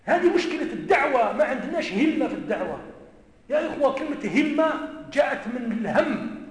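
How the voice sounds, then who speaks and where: A man's voice: very high-pitched, sing-song, brisk. A man with an Algerian Arabic accent, a native Amazigh speaker, giving an emphatic mosque lecture and repeating key phrases. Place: large mosque hall. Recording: echoey mosque hall, long reverb.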